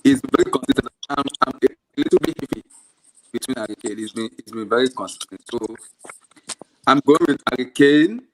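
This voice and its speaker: A man's voice: medium pitch, a little fast, a little hiss or hum, low-quality recording. A man hosting a casual football chat on an online call, his audio glitching and cutting out as he talks hesitantly. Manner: hesitant, restarts mid-phrase. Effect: glitching audio that cuts out. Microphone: online call microphone.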